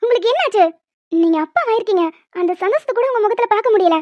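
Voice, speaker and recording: An earnest young wife from a cartoon, heartfelt and close to tears, with a high voice. The sound is dry and a little dull. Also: female voice, expressive, fast talker, darkish tone, no room sound. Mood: overjoyed. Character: emotional young wife, tearful and joyful.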